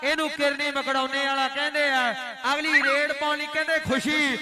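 Very high, frantic Punjabi male kabaddi commentator. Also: little pitch movement, a little fast. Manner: frantic, declamatory, rhythmic rhyming stock phrases. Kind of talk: live rural sports commentary. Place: outdoor village sports ground. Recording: outdoor PA with loud crowd noise.

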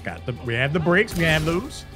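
Animated, higher-pitched man commentating esports. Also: brisk. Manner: bantering, slangy. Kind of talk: casual live fighting game commentary. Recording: music behind the voice.

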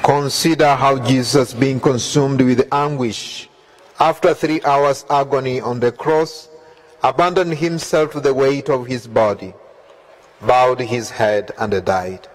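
A man reads the Way of the Cross devotion at a very unhurried pace. His voice sits at an ordinary middle pitch, and each line is reverent and measured. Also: rough recording. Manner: slow, reverent, measured reading. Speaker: prayer leader.

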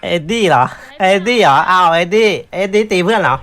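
A woman's voice: on the low side, expressive, quick pace, a bit bright. A woman in casual gaming chat, exclaiming and repeating short phrases.

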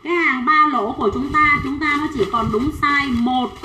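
A woman selling children's clothes on a livestream, chatting quickly and reading out sizes and buyers' names. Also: high-pitched, sharp tone, reverberant, slight background noise, rough recording. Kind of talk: fast livestream sales pitch.

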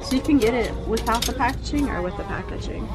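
A woman's voice: a little high, expressive, fast talker. A woman co-hosting a shopping vlog, casually reacting to items and answering with their prices. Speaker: vlog co-host. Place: indoor merchandise store. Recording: busy store with loud crowd noise. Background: loud store music and shoppers.

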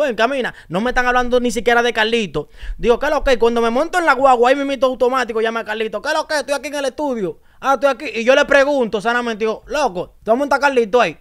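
A young man with a very high, clear voice talks fast and hot, piling on complaints. He acts out the lines other people said to him. He talks like an upset guest on a radio interview. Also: a bit bright. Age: young adult. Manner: emphatic, indignant, acts out quoted dialogue. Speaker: music artist guest. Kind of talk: heated casual interview talk.

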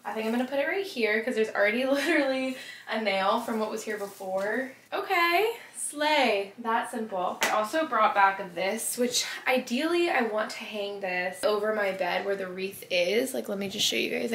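A woman's voice: mid-range voice, moderate pace, a bit bright. Young woman, casual upbeat vlog chatter, lots of "like", echoey small bedroom, faint hiss. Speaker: lifestyle vlogger. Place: small bedroom with closet, indoors.

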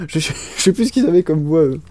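Young male let's player: sharp, slightly high voice, joking, slangy, rambling game commentary. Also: animated, brisk. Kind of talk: casual gaming commentary, reading dialogue aloud. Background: faint game music.

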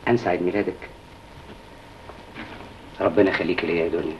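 An actor playing a joking, bossy but loving young husband, with an Egyptian Arabic accent and a quick bantering way of talking. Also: male voice, low-pitched, steady tone, slight background noise. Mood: tender. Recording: dull lo-fi old film soundtrack.

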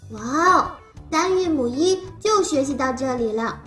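High-pitched little cartoon creature, toddler teacher. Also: female voice, expressive, unhurried, over music. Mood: bubbly, encouraging. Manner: simple, exaggerated, encouraging talk, as if reading to a toddler. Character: little pink cartoon creature Le'er, cheerful child-like phonics teacher. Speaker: children's phonics teacher. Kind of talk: animated lesson for small children.

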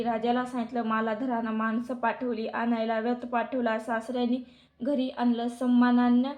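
A woman recites a devotional story in a steady, even delivery. Her voice sits a little high and barely moves in pitch, and the recording sounds dull and lo-fi.

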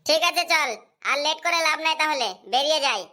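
A woman's voice: high voice, fairly quick, sharp tone. A woman voicing an easygoing young male friend in a cartoon.

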